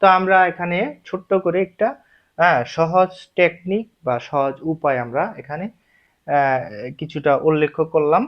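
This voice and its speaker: A man's voice: fairly high pitch, fairly even intonation, moderate pace. A man teaching Japanese script step by step, explaining each stroke and repeating the syllables aloud. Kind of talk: slow step-by-step lesson. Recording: dull lo-fi recording.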